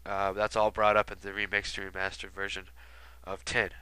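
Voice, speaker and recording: A man's low, monotone voice moves at normal speed with a sharp, clean tone in a dry, low-quality recording. He's a video commentator with a stuffy nose from illness, rambling casually through an album retrospective with many fillers and asides.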